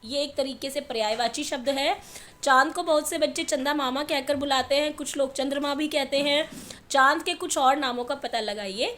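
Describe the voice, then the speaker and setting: A woman with a high, light voice talks young pupils through a worksheet. She goes step by step and patiently repeats each answer slowly. The voice-over has a calm classroom-teacher manner. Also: slight background noise. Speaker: primary school teacher. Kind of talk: explaining a textbook lesson to children.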